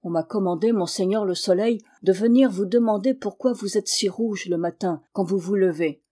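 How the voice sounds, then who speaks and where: A woman's voice: mid-range voice, moderate pace, warm tone, close to an everyday voice. A woman reading aloud and voicing a humble young shepherd who answers earnestly.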